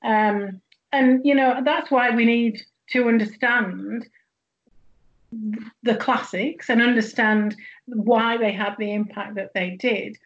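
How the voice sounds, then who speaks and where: A woman's voice: fairly high pitch, steady tone, slow pace. Reflective Northern English woman, lo-fi. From northwest England. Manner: thoughtful, many fillers and restarts. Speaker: guest sociologist. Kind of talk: academic interview conversation.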